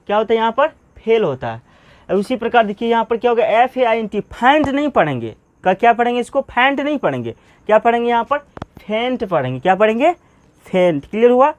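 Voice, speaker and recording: High-voiced man teaching pronunciation. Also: no echo. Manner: repeats questions and answers them himself; spells words out slowly letter by letter. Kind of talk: Hindi classroom-style lesson.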